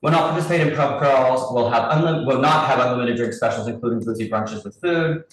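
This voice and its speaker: A man runs a committee meeting heard through a group video call, speaking at an ordinary middle pitch in a businesslike, list-reading way. His voice comes from a distance in a very echoey room, with faint noise underneath. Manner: brisk, businesslike, reads lists with small restarts. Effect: heard over a group video call. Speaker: committee chair at a public meeting. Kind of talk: reading out license terms and running a vote. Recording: very roomy echo from a distant mic, faint noise.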